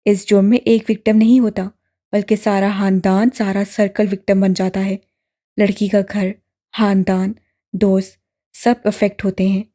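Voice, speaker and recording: A woman's voice: mid-range voice, little pitch movement, normal speed, voice pushed down, close to an everyday voice. Woman doing a stern young man, lecturing. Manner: firm, forceful, lecturing. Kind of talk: audiobook narration.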